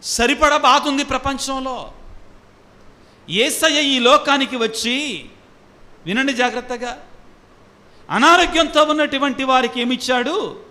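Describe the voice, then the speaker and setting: A priest with a high, bright, ringing voice delivers a sermon in a call-and-response style, repeatedly quizzing his congregation. He drops English phrases in among his own words. His voice trails off into a long hall reverb. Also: measured pace, long pauses.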